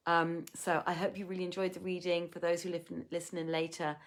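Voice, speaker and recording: A woman's voice: lowish voice, monotone, a little fast. Woman reading an old tale aloud. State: tired, yawning. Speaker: host and reader. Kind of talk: casual sign-off to viewers.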